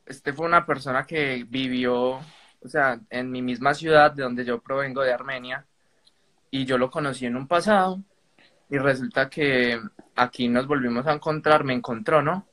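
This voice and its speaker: This Colombian-accented caller to a live stream speaks at a moderate pace in a mid-range voice that is a bit bright. His casual account is polite, though somewhat hesitant and roundabout.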